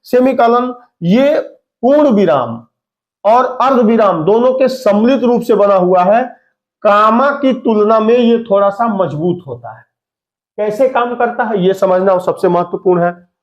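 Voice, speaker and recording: Young guy teaching grammar, fairly high pitched, slow, calls students beta. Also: lo-fi sound. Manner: explains slowly, repeats example sentences word by word. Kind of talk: Hindi-medium classroom lesson.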